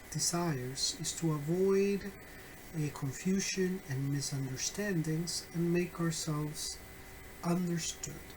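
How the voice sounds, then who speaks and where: Slow, patient male phonetics teacher. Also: a little high, a little hiss or hum, low-quality recording. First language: Spanish. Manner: slow, patient, many "uh" fillers and "okay?" checks. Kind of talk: recorded online lecture.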